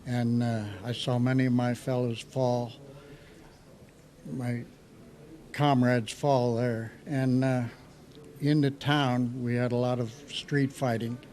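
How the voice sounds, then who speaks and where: American male, 80s, veteran recalling the war; unhurried, halting, reflective delivery, medium pitch. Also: darkish tone. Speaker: World War II veteran being interviewed. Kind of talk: recounting war memories in an interview.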